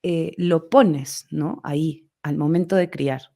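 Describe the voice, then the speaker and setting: Hesitant young woman, low voice. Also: steady tone, slow pace, creaky, dark tone. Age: young adult. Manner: hesitant, searching for words, frequent tag questions. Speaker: podcast co-host, art teacher. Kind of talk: casual conversation.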